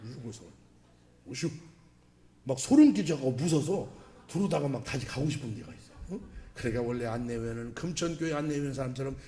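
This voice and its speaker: A man preaching a revival sermon as a pastor, folksy and joking, swinging from loud exclamations to soft asides. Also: medium pitch, lively intonation, fast. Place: church sanctuary. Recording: echoey church hall.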